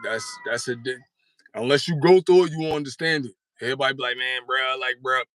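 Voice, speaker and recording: A man's voice: medium pitch, wildly swooping pitch, fast talker, fairly bright tone. A man in his thirties telling his story as an interview guest, rambling in slangy street talk and often asking if you follow. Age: 30s. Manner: rambling, repeats "you know what I'm saying".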